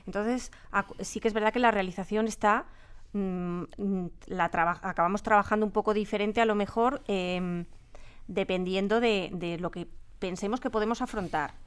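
A woman from Spain speaks with a Spanish accent in a casual interview, her medium-pitched voice clear and resonant at a moderate pace. As a guest in a radio drama studio, this audio drama producer and sound designer explains things emphatically, repeating words while she hunts for the right phrasing.

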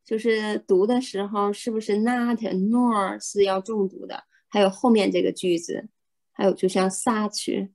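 A woman's voice: mid-range voice, little pitch movement, a little slow, creaky, darkish tone. A woman student politely asking her teacher about reading a sentence aloud. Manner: polite, eager.

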